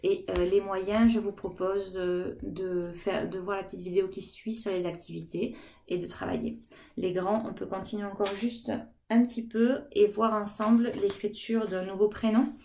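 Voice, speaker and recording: A woman teaching a remote lesson to kindergarten children, gently encouraging and counting aloud with them. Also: medium pitch, level tone, normal speed.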